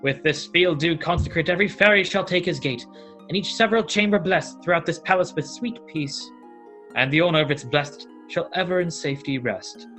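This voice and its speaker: A man's voice: a little high, brisk, bright, forceful tone, faint music behind. A man playing a commanding fairy king, speaking rhythmic, incantatory verse. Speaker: student actor.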